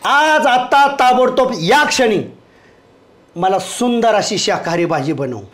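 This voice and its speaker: An actor playing a bossy village son-in-law on a diet who orders the family around. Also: male voice, very high-pitched, animated, unhurried, a bit bright, full character voice. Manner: commanding, teasing.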